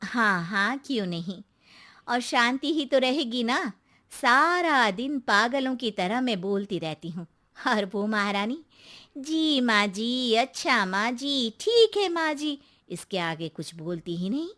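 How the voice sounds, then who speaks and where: A woman voicing a complaining mother-in-law who mocks her quiet daughter-in-law. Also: a little high, big pitch swings, takes it slowly, heavily acted. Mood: grumbling. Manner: grumbling, mocking.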